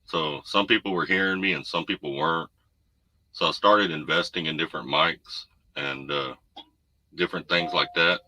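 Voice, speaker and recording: Here a deep-voiced man, a trucker who livestreams from his home room, chats through viewer comments in a relaxed, meandering way. His tone is steady, bright and forceful at a moderate pace, recorded with no echo on a desk USB condenser mic. Audio quality is poor and there's noise behind him.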